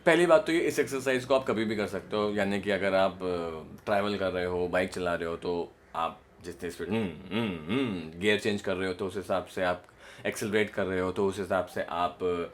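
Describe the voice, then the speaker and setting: A young voice coach with a low voice leads an informal lesson on voice modulation, patiently explaining exercises and demonstrating them. His pace is slow and explanatory, and he repeats a line on rising notes. There's slight background noise.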